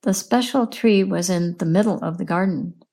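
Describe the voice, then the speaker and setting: A woman teaching English in a slow, clear lesson, patiently asking questions and repeating answers. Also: on the low side, mellow. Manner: patient, repeats and explains words.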